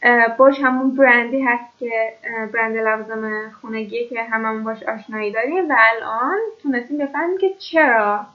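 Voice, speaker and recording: High-voiced woman teaching German sounds. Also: steady tone. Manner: slow, drawn-out model words between brisk explanations. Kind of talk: pronunciation lesson. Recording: dull lo-fi recording.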